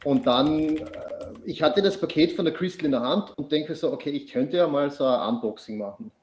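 A man's voice: on the high side, a little fast, a little mellow, roomy sound, a little hiss or hum. A man from Austria, a podcast guest telling a long story in casual chat, full of fillers and restarts.

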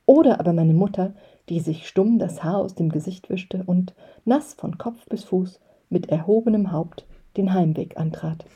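A woman reading an audiobook aloud in calm, measured first-person narration. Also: on the low side, slightly rough. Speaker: reader.

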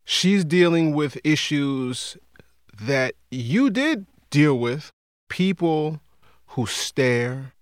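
A man hosting his own podcast, narrating his reflections in a calm, measured way and interviewing family. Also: on the high side, no echo, studio quality. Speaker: podcast host.

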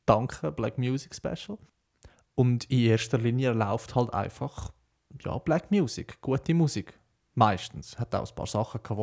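Speaking with a medium-pitched, creaky, warm voice, a young podcast host and broadcaster intern with a Swiss German accent muses conversationally in a relaxed monologue.

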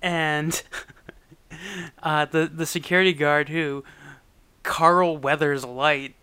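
Woman, podcast co-host, giggly recapper with bright, smooth tone. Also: low voice, steady tone, slow pace, no echo. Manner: giggly, riffs into joking quoted voices. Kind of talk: casual chat recapping a TV episode.

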